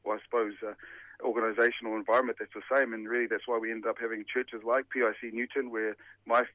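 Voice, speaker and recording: A man's voice: mid-range voice, flat delivery, fast talker, no room sound, narrow, tinny audio. A man in his forties, born and raised in New Zealand, a pastor answering radio interview questions thoughtfully with many fillers and restarts. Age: 40s. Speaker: pastor and former rugby player.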